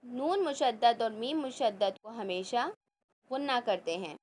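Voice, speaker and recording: A woman teaching a children's Quran class, explaining and reciting slowly and carefully. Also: on the high side, darkish tone. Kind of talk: children's tajweed lesson.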